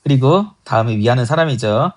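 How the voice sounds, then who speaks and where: A man teaching a casual Bible lesson, explaining lively and asking questions before answering them himself. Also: mid-range voice, fairly quick.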